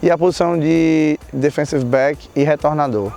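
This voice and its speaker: A man from the team's staff, explaining in an interview in a brisk way. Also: a little high, mellow. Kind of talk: interview commentary.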